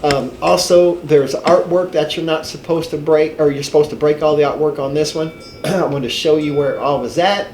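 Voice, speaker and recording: A steady, somewhat high-pitched male voice with a darkish tone comes from an older man with a head cold who sounds stuffed up. He speaks at normal speed as a channel host, giving a rambling, folksy, self-correcting gameplay walkthrough in an echoey room with slight background noise.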